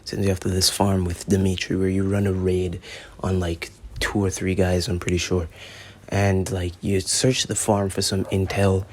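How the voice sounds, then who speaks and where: A teenage gaming YouTuber reviews a mobile shooter, rambling, joking, and swearing plenty during his gameplay commentary. His low voice is flat and moderately paced, with slight background noise.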